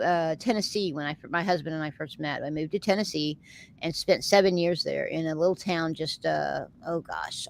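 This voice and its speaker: A middle-aged Texan woman with a deep, gravelly voice hosts a live chat show, rambling and chatting casually with viewers. She laughs often as she talks.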